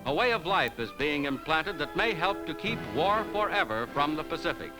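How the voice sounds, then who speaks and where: Old newsreel narration, man, brisk emphatic announcer, somewhat high voice, loud music underneath. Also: big pitch swings. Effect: old newsreel recording. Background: loud music bed.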